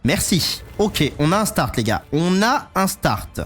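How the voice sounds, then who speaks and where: Male gambling streamer, fairly high register, slangy pleading banter, light background music. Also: sing-song, a little slow, fairly bright tone, husky. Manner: slangy, pleading banter addressed to the game and viewers. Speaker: casino game livestreamer. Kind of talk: casual live gambling stream commentary.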